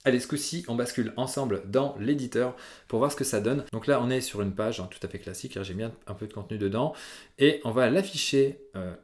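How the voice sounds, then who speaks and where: A man explains software in a relaxed, chatty tutorial voice, pitched right in the middle of the male range and dotted with hesitant filler sounds. His voice rings in a roomy, echoey space around his desk. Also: fast. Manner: chatty, upbeat, many "euh" fillers. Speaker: WordPress tutorial host. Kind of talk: casual screen-recorded tutorial.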